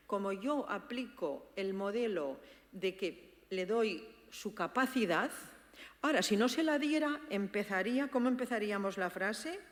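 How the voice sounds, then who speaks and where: A woman from presents to a live audience in a large, reverberant hall. She teaches in an animated, direct way, acting out example conversations as she goes. Her voice sits at a middle pitch, and the long echo of the hall trails behind it. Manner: lively, acts out sample dialogues and addresses listeners directly. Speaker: speaker presenting a book on active listening.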